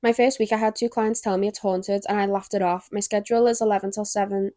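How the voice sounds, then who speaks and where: A woman's voice: medium pitch, steady tone, mellow, no echo. Young woman podcast host, dry close sound. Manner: chatty, giggly, reads with quick asides. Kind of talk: casual chat and reading stories aloud.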